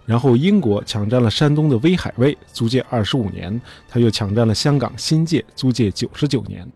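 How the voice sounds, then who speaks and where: Male history host, mid pitch, slightly husky, relaxed storytelling with frequent fillers. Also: brisk. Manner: chatty, many fillers like "呃" and "哎".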